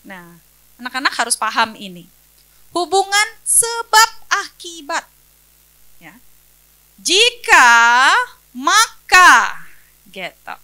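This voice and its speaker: A woman's voice: high-pitched, wildly swooping pitch, unhurried, pauses often, sharp tone. A woman speech-language pathologist giving an educational talk for parents, explaining step by step, asking rhetorical questions and answering them, and listing examples one by one.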